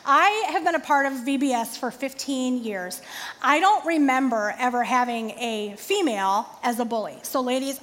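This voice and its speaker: A woman pastor in her forties giving an animated sermon with self-deprecating humor. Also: high-pitched, in a large hall, slight background noise.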